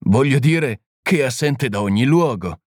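A man's voice: medium pitch, animated, normal speed, dry recording, studio quality, pitched above the performer's own voice, lightly acted. Man reading as a mild, patient little priest. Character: small gentle priest-detective, calm and patient. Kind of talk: audiobook reading.

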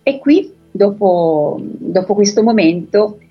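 Husky woman retelling an old tale. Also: medium pitch, animated. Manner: unhurried, pauses often with filler sounds while she explains. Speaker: storyteller explaining a fantasy book. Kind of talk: retelling a story with read-aloud passages. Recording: dull lo-fi recording with faint music.

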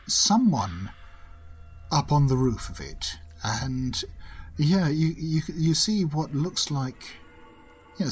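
A man's voice: mid-range voice, rough recording. A man narrating a tabletop horror game as game master, descriptive and rambling with many fillers.

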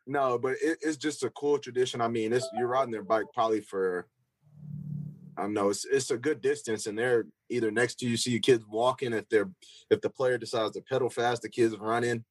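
A man's voice: mid-range voice, fairly even intonation, a little fast, no room sound, low-quality recording. A young man, a football player, answering interview questions casually with lots of fillers and restarts. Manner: loose, rambling, with many fillers and restarts.

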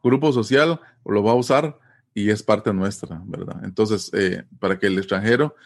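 A man from Costa Rica with a Costa Rican accent, explaining in a relaxed, patient way as an interview guest, often pausing with fillers and tag questions. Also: on the low side, creaky. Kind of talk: casual conversational explanation.

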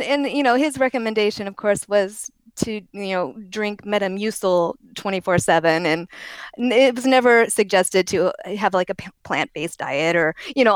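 A woman from Oregon, USA, with a very young-sounding voice is a guest in a casual interview, rambling, correcting herself, and laughing a lot. Her voice sits in the mid-range with a clean tone and no echo.

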